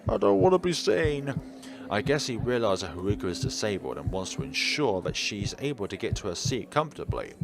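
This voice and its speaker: This let's player's voice is fairly low with big pitch swings and a fairly quick pace, set against a noisy background and game music. He reads a visual novel aloud, adding casual asides and occasionally stumbling and self-correcting.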